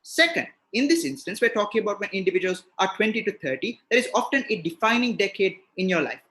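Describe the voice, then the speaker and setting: A man's voice: high-pitched, big pitch swings, fast, a bit bright. A man delivering an emphatic, rhetorical opening speech in a competitive debate over a video call. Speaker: debate speaker.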